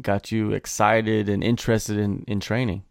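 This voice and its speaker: A man hosting an interview, asking questions in a relaxed, conversational way. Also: fairly low pitch, normal speed, gravelly, no echo, studio quality. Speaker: interview host. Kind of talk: casual interview.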